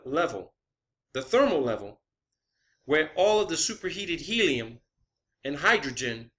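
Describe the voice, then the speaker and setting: An amateur science vlogger with a fairly bright, higher-pitched voice improvises an emphatic monologue laced with swearing. He leans on repeated words for emphasis and keeps checking his claims with questioning tags.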